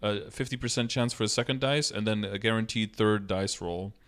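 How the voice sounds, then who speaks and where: A thirties-aged game streamer talks briskly in a lowish, fairly bright voice. He's casually explaining things step by step and fielding chat questions during a live-stream tutorial. The close mic picks him up in an indoor room set up for streaming.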